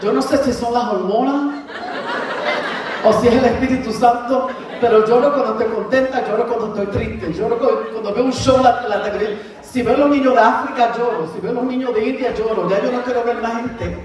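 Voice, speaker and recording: A woman's voice: a little high, fairly quick, noisy background. A middle-aged woman giving a fervent church testimony, laughing often and slipping into English phrases. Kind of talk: preaching testimony. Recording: echoey hall from far off.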